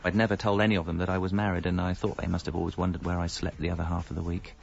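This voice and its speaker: Racing along in a low, gravelly, level voice, an actor plays the narrator and lead character of a radio comedy: a middle-aged British married man looking back wryly and articulately, with self-mockery, on leading a double life. The recording is dull and lo-fi, with faint music in the background.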